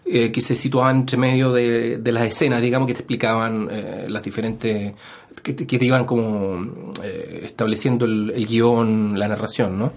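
A man's voice: mid-range voice, steady tone, normal speed. A man with a Chilean accent, a historian guest on a radio interview, explaining at length with many fillers and tag questions. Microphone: studio microphone.

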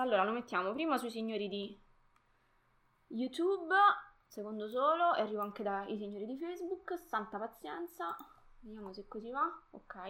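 A woman's voice: on the high side, a bit bright. A young woman hosting a live stream, chatting casually with viewers, greeting them by name and laughing often.

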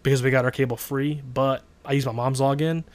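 A man's voice: medium pitch, brisk, dry recording. A man in casual podcast chat, rambling and swearing as he talks. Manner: profane, rambling and animated.

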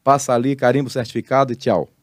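A Brazilian pastor and retired marine in his sixties, telling his life story with preacherly emphasis in a relaxed interview. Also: mid-range voice, quick pace, no room sound, clean studio sound. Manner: animated testimony, preacherly emphasis.

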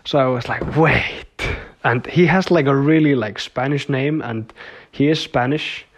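A young adult male vlogger talks to his viewers in a casual video diary, rambling with many filler words and laughing often between stories. His mid-range voice moves a little slowly, and the recording is muffled.

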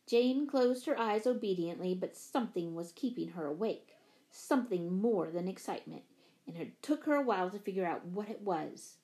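A woman narrating a children's novel in a clear, measured storytelling manner. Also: mid-range voice, lively intonation, warm tone, rough recording. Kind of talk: audiobook narration.

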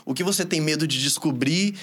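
A man's voice: fairly high pitch, fairly quick, fairly bright tone. A man hosting a casual podcast, talking reflectively about fear, symbols and the sea. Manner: reflective, draws on symbols and psychology. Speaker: podcast host.

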